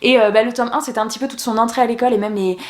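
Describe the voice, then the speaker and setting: A woman's voice: on the high side, fairly even intonation, rapid-fire, darkish tone, echoey room. A woman chatting casually through a book haul vlog, talkative and full of fillers and restarts. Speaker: book YouTuber.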